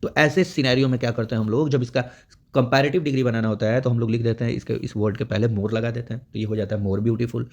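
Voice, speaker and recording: A man's voice: medium pitch, fairly even intonation, fast, a little mellow, lo-fi sound. A man teaching an exam prep grammar lesson, explaining step by step and checking in often. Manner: explains step by step with frequent "theek hai" check-ins.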